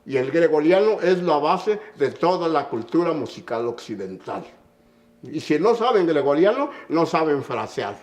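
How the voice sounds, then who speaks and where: Animated older Mexican man lecturing. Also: fairly high pitch, normal speed. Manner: emphatic, lecturing, checks in with "¿mm?". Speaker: conductor and musician. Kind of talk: anecdotal storytelling in an interview.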